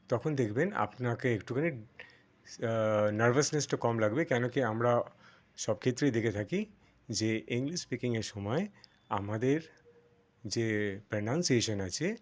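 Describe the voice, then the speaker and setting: A man teaching a spoken English lesson step by step, repeating words and drawing their sounds out. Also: mid-range voice. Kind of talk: slow step-by-step pronunciation lesson.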